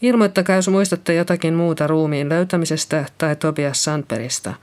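Reader reads a calm, gruff male police officer for an audiobook; kindly but firm. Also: medium pitch, lightly acted. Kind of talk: audiobook character reading.

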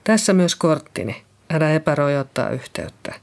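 An audiobook reader voicing a burly male police officer who questions a witness in a calm, gruff, kindly way. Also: mid-range voice. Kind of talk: audiobook character reading.

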